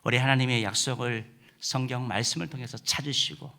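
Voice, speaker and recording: Middle aged pastor guy preaching in church, bright voice, lots of uhs. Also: mid-range voice, steady tone, a little fast, vocal fry. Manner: emphatic preaching with many filler "uh"s. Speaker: senior pastor. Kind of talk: sermon.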